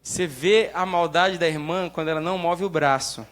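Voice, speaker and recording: Animated Brazilian man giving a humorous sermon. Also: on the high side, normal speed. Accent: Brazilian Portuguese. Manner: lively, jokes and acts out quoted prayers. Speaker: church speaker.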